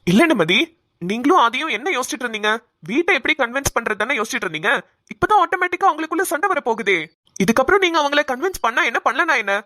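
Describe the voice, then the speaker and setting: Woman voicing a soothing young man, cartoon, bright tone, dry close sound. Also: high voice, very animated, very fast, dry recording, heavily acted. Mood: calm. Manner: soothing, explaining. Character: calm reassuring young man, the fiancé. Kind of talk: cartoon voice acting.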